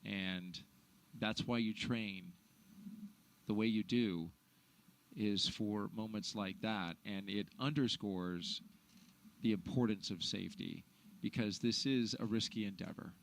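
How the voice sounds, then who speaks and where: A man's voice: on the low side, slow pace, gravelly, low-quality recording. A man hosting live space launch commentary and interviewing a guest. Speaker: broadcast host and commentator. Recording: faint background noise.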